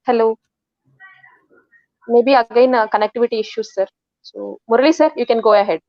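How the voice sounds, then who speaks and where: A woman's voice: fairly high pitch, steady tone, brisk, no room sound, highs cut off. A woman with an Indian English accent coordinating a live online session, polite and addressing people as sir again and again. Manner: polite, keeps saying "sir".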